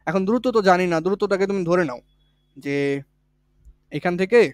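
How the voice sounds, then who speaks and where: Male physics tutor, high-pitched, dry close sound, drills key points by repetition. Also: lively intonation, a little fast, dry recording. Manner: explains step by step, repeating key points; colloquial, with village words. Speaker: physics teacher. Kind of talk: online exam-prep lesson.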